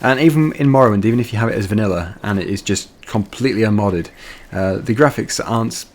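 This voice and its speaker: A man chats his way through a video game, rambling and laughing easily. His voice sits fairly low. The commentary is relaxed and unscripted. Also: quick pace. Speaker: let's play gamer. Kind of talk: casual gameplay commentary.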